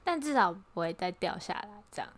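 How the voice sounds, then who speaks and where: A woman's voice: lowish voice, very animated, fairly quick. A woman in casual chat as co-host, responding and backchanneling to her partner's story.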